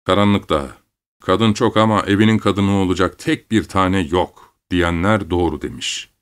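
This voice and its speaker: A man's voice: deep voice, unhurried, clear, resonant tone. A man doing a bitter, angry soldier father. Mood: wounded. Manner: angry, accusing.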